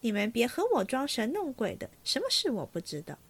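A woman voicing a sharp-tongued, proud young maid who speaks with scornful indignation. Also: on the high side, wildly swooping pitch, a little fast, gravelly, slightly rough, exaggerated voice. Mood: mocking.

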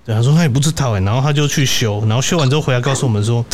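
Rambling host. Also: male voice, mid-range voice, racing, a little mellow, a little hiss or hum. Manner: rambling, many restarts and tag questions, laughs often. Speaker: podcast host. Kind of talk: casual storytelling chat.

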